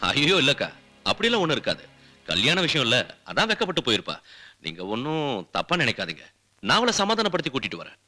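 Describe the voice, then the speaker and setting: A man's voice: medium pitch, wildly swooping pitch, fast, sharp tone, faint music behind, exaggerated voice. An actor playing a stern middle-aged father who speaks in a coaxing yet commanding way with a Tamil accent. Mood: placating. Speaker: heroine's father. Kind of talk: film dialogue.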